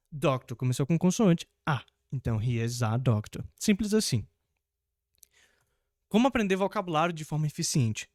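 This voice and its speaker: A man, an English teacher explaining grammar to the viewer, patient and repeating key points, slowing down for each example sentence. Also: a little high, a little mellow, no room sound, studio quality.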